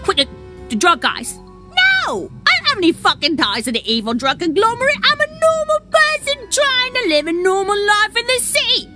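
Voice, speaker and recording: A woman's voice: very high-pitched, very animated, normal speed, loud music behind the voice. A woman voicing a foul-mouthed, hostile female alien local in video game dialogue.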